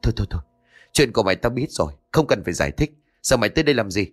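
A man's voice: lowish voice, sing-song, racing. A man voicing a nosy, blunt old village woman who scolds and gossips as she tells what she saw. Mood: scolding.

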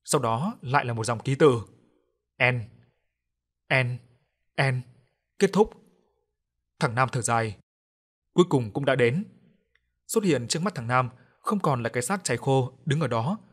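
A man reading a horror audiobook, telling the story dramatically. His voice is husky and breathy at an ordinary pitch. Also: animated, measured pace, long pauses. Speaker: audiobook narrator. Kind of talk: scripted horror narration.

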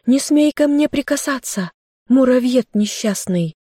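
Female reader doing the captive heroine, young and fiery, high and furious. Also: normal speed, breathy edge, dry recording, clean studio sound, natural voice. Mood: defiant. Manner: defiant, shouting.

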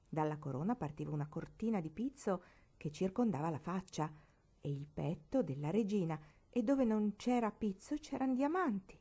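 A woman reads a classic novel aloud as narrator. Her delivery is expressive and dramatic, with an animated, wide-ranging pitch at a middle height. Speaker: storybook reader.

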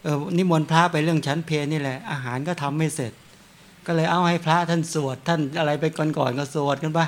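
Monk, man, relaxed storytelling sermon, slightly higher voice. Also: a little fast. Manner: chatty, tells anecdotes with frequent chuckles. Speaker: Buddhist monk. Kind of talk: dharma talk with storytelling.

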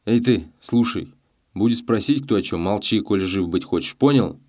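Man doing a gruff threatening thief. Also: fairly low pitch, expressive, normal speed, darkish tone. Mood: stern. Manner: harsh, commanding, hissed threats. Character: fierce whiskered male thief, gruff and threatening.

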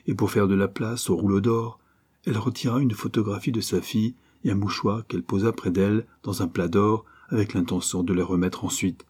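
A man narrating an adventure novel aloud, steady and measured. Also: on the low side, breathy edge. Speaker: audiobook narrator. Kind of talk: scripted narration.

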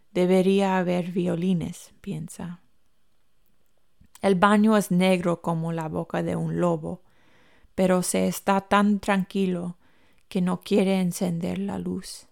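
A woman reading a fan fiction story aloud as a podfic, in an even, unhurried narration. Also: fairly low pitch, creaky. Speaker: podfic reader.

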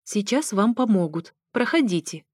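A fussy young receptionist, as a woman reads her, chattering along in a put-on sugary tone. The voice is set a little higher than the narration and sits in a dry, close recording. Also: lively intonation, moderate pace, darkish tone, breathy edge, no room sound. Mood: brisk. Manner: chattering, falsely sweet.

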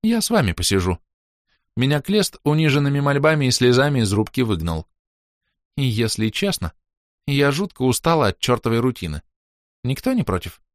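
A man voicing a tired, sharp-tongued noblewoman baroness in an audiobook. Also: medium pitch, sing-song, moderate pace, no echo, clean studio sound, pitched above the performer's own voice, natural voice. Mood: weary. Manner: tired, curt.

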